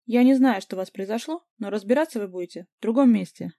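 A woman's voice: on the high side, fast, mellow, no room sound, clean studio sound. A woman voicing a small, fussy, nervous cafe manager.

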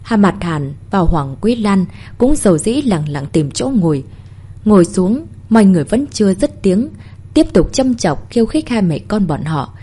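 A woman narrating a story in an expressive storytelling manner. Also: mid-range voice, normal speed, husky. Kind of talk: story reading.

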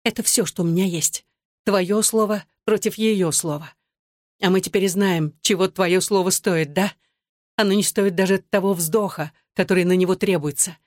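A reader voicing an adult woman, a betrayed wife, shouting and bitter through tears in an audiobook. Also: mid-range voice, steady tone, normal speed, no echo, clean studio sound, natural voice. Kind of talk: audiobook narration.

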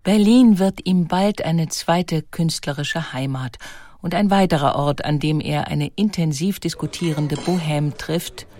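A woman with a deep, dark voice reads scripted documentary narration, articulate and deliberate, telling the story with emphasis.

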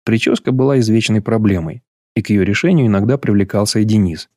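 A man reading an audiobook in scripted narration, measured and even, on a close mic. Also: fairly low pitch, no echo.

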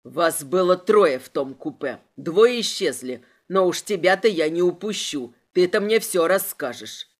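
A woman's voice: on the low side, animated, unhurried, few pauses, pitched below the performer's own voice. A woman voicing a brutal male police inspector who barks threats and interrogates harshly. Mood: menacing.

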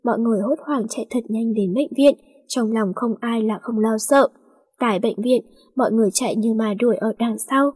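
A woman reading a romance story aloud in a steady, plain voice. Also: on the high side, a little fast, slightly rough.

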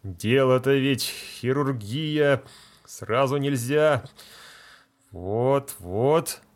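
A man's voice: medium pitch, extremely slow. A man playing a pompous, self-important village medical assistant who lectures and scolds. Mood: lecturing.

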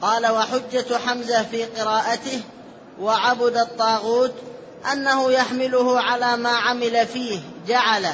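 A man with a very high voice reads a classical text aloud in a lesson, measured and formal, carefully marking each vowel. His delivery stays flat and even throughout. The recording is muffled and lo-fi under a light hiss. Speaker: student reading the text aloud. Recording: dull lo-fi with faint hiss.

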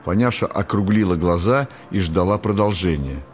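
Deep-voiced male audiobook narrator. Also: normal speed, soft background music.

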